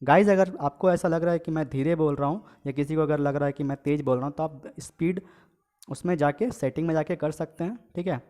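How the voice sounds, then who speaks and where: Speaking fairly quickly in a fairly high, mellow voice, this exam-prep tutor addresses viewers as friends and guys. Each question and its options get read aloud, followed by the answer, which he repeats, with "okay" checks along the way.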